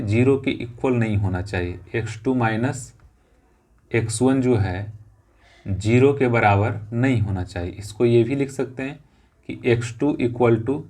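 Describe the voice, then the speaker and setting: A male math teacher in a classroom who talks slowly and patiently. His voice sits in an ordinary middle range. He repeats each step and keeps checking with his students that they follow. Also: medium pitch, a little mellow. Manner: explains step by step, repeats phrases, often checks with "theek hai".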